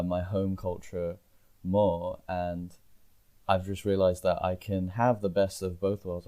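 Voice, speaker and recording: A young man from Nepal, raised in the UK, chatting reflectively on a podcast with an even manner and some fillers. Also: low voice. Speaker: podcast guest. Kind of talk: casual chat.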